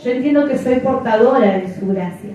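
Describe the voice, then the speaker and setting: A woman's voice: a little high, brisk, mellow, dull audio. A middle-aged woman pastor preaching a sermon, emphatic and repeating phrases for effect. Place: church. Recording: echoey church from far off.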